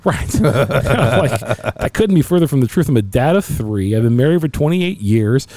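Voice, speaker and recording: Middle-aged man, earnest emotional storyteller, warm mellow tone, dry close sound, podcast chat. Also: medium pitch, lively intonation, moderate pace, no room sound. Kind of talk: casual conversation.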